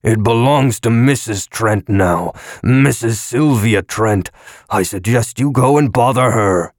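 A man voicing a pompous, weary eye-eating alien blob that talks in a slow, slurred intoning way. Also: mid-range voice, no room sound, studio quality, pitched above the performer's own voice. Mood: gloomy.

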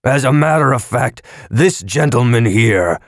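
A man voicing a floating creditor balloon in an audiobook, with a squeaky, piping, shrill voice and a self-righteous, scolding manner. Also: animated, unhurried, creaky, dry recording, studio quality. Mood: insistent. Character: shrill nagging debt-collector balloon, floating thing. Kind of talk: audiobook narration with character voices.

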